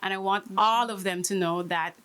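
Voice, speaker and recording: A woman's voice: mid-range voice, fairly even intonation, moderate pace, fairly bright tone, clean tone. Earnest woman giving a poised pageant answer. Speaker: pageant contestant, swim teacher.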